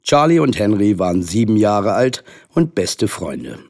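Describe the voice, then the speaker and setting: A man's voice: fairly low pitch, very animated, measured pace, a little mellow. Man reading a children's story. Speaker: audiobook narrator. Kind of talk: scripted storybook narration.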